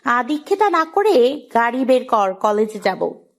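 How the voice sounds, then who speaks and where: A woman's voice: on the high side, big pitch swings, unhurried. A woman voicing a rude, contemptuous young wife in an audio story. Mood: scornful. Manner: harsh, contemptuous, bossy. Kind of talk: audio drama acting.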